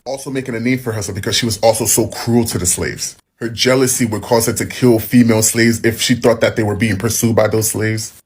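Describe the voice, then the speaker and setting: Low husky man, casual slangy storytelling. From Haitian background.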